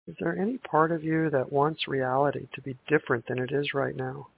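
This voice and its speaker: A man guiding a breathing meditation in a calm, gentle, meditative tone, on a thin band-limited recording. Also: on the high side, fairly quick, gravelly. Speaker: meditation guide. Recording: tinny band-limited audio with hiss.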